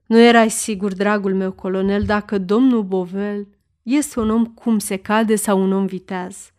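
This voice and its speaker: A woman's voice: mid-range voice, steady tone, darkish tone, lightly acted. A woman voicing a composed, dryly ironic aristocratic prince in an audiobook reading. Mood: calm, ironic. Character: calm, ironic aristocratic prince, adult man.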